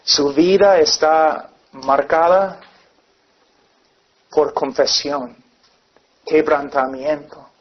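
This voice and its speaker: A man's voice: a little high, steady tone, very slow, pauses often. A man preaching a sermon, earnestly telling illustrative stories. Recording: dull lo-fi recording.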